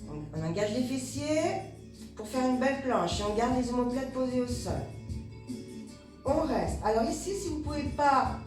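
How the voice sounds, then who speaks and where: A woman teaching a pilates class, calmly cueing breath and movement and repeating words slowly. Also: high voice, distant mic. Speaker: pilates instructor. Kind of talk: guided exercise class instruction. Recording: echoey room, voice from afar, music behind. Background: background music.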